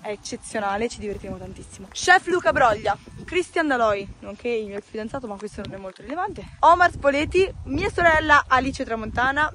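A woman's voice: on the high side, fairly bright tone. A woman in her twenties chatting casually to camera as a vlogger, recorded on a phone at arm's length. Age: 20s. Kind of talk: casual vlog chat to camera.

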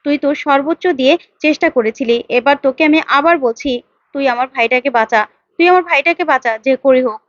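A woman's voice: high-pitched, fast talker, no room sound, lo-fi sound, natural voice. A woman voicing a distraught father who tearfully begs for help to save his brother. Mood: pleading. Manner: tearful, begging.

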